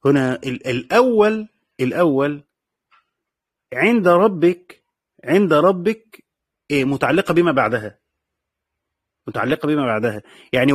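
A man's voice: a little high, dry recording. Egyptian man teaching, dry close voice. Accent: Egyptian Arabic. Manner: repeats key phrases while explaining; reads quoted passages slowly. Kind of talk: classroom commentary on a classical text.

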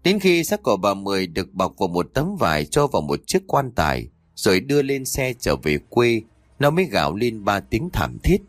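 Expressive male audiobook narrator, dry sound. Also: on the low side, brisk, no echo. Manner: expressive, voices the characters' cries and quarrels.

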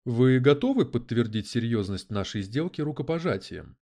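A man's voice: mid-range voice, big pitch swings, moderate pace, darkish tone, voice pushed up. A man voicing a prim, coldly logical male detective android who speaks in an oddly mechanical, lecturing way. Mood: cool challenge. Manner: precise, lecturing, unflappable.

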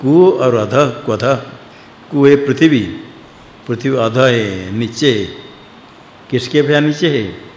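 A man's voice: mid-range voice, slow pace, pauses often, a little mellow. A man teaching a scripture lesson, explaining it word by word and putting questions to his class. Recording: echoey hall with faint background noise.

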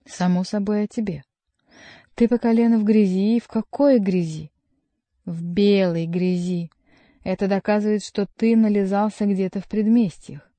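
A woman's voice: medium pitch, steady tone, moderate pace, warm tone, no echo, natural voice. A woman voicing a stern male jester who scolds a monk, reading a storybook aloud. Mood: scolding.

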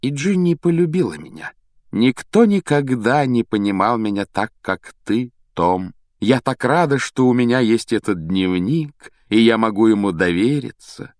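A man's voice: mid-range voice, lively intonation, a little slow, a little mellow, dry recording, voice pushed up, natural voice. A man imitating a lonely eleven-year-old girl who gushes and confides trustingly. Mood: gushing. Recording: dry close audiobook sound.

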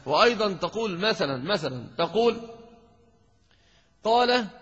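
A man teaching a grammar lesson to a class, lively and quizzing his students. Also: high-pitched, normal speed, husky. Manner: lively, questions and teases students. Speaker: sheikh teaching Arabic grammar. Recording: dull lo-fi hall recording.

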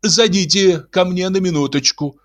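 A man's voice: medium pitch, animated, moderate pace, pushed and bright, husky, no room sound, clean studio sound. A man voicing an anxious, emotional middle-aged woman fortune-teller who pleads breathlessly. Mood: anxious pleading.

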